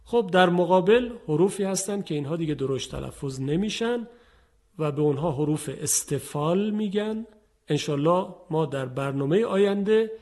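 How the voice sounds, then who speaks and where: A man with a fairly high voice teaches Quranic pronunciation. He speaks in a polite, formal way to his viewers. He slows right down to stretch out each letter he demonstrates. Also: darkish tone. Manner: slow, drawn-out demonstration of letters.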